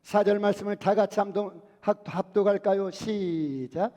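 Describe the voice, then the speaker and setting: A man's voice: sits high, completely flat delivery, fairly quick, dull audio, a crowd in the background. A male pastor preaching a sermon, asking the congregation questions and answering them himself. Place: church sanctuary. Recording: long church hall reverb.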